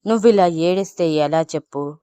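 A tender young husband from an audio love story, coaxing and playful, as a woman narrator puts him on. The voice sits low and smooth, in a dry, close sound. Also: moderate pace, mellow, no echo, lightly acted. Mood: soothing.

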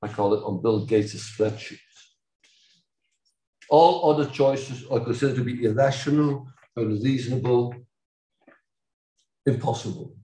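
An older man from Belgium giving an academic lecture, animated and ironic, with mocking asides and sudden loud outbursts. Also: medium pitch, a little slow, pauses often, slight background noise. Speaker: university lecturer. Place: lecture hall. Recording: echoey hall from far off.

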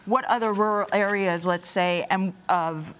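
A woman in her forties co-hosting a morning TV show, reacting quickly with enthusiasm and jokes. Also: medium pitch, steady tone, clean tone. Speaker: co-host. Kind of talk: morning TV chat. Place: TV studio set.

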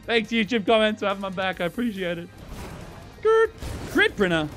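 A man giving casual gameplay commentary as a streamer, excitable, swearing and laughing as he talks to his chat. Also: high-pitched, moderate pace, faint music behind. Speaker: gaming YouTuber and streamer.

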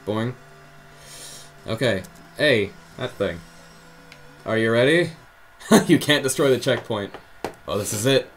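A man's voice: medium pitch, expressive, measured pace, long pauses, fairly bright tone, soft background music, rough recording. A young man chatting casually while playing a game, joking and laughing as he gives his partner directions. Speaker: let's play host. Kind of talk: casual gameplay chat.

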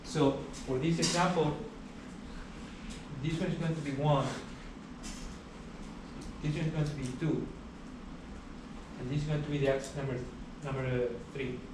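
A young man giving a university lecture in a large hall, explaining steadily with many pauses and uh fillers. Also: on the high side, steady tone. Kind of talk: classroom lecture. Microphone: far camera at the back of the room. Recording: echoey hall recorded from far off, background hiss.

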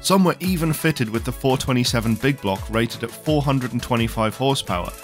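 Over faint background music, a presenter at a car show reads a scripted voice-over with enthusiasm and expertise. His voice is mid-range and his pace a little fast.

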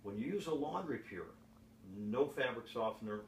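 A man in his 60s delivers an informal, deliberate sales pitch for home health products, speaking to camera indoors in his home office and asking rhetorical question after rhetorical question. His mid-range voice is expressive, and the distant camera mic across the room leaves the audio echoey with hiss behind it.

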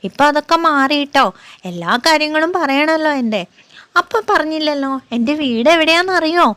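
A cheerful little boy, voiced by a woman, chats to his viewers in a high voice, leaning on friendly tag questions. The sound is close and dry, with no room in it. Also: expressive, fairly quick, a bit bright, no echo. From Kerala, India. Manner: chatty, coaxing, tag-question storytelling. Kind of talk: first-person vlog narration as her child.

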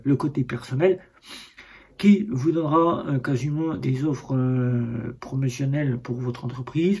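Un homme qui déballe et commente une carte bancaire sans script, sur un ton hésitant, avec beaucoup d'hésitations et de reprises. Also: male voice, medium pitch, warm tone, slightly rough. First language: French. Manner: hesitant, many fillers and restarts. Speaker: vlogger reviewing a bank card. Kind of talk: casual unboxing talk.

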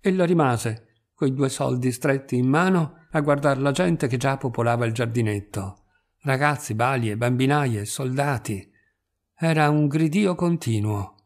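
A man reading a literary short story aloud in a measured, even narration. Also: mid-range voice. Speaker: reader.

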